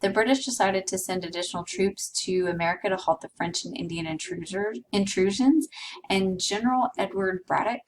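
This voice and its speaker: A woman's voice: medium pitch, a little fast, distant mic, slight background noise, poor audio. A woman teaching a history class in a conversational way, with asides to her students. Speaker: history instructor. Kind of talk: recorded lecture.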